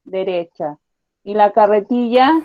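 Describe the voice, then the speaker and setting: A woman teacher giving a science lesson to children, patiently repeating her questions and slowly spelling out each point. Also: mid-range voice, no echo, dull audio. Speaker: primary school teacher.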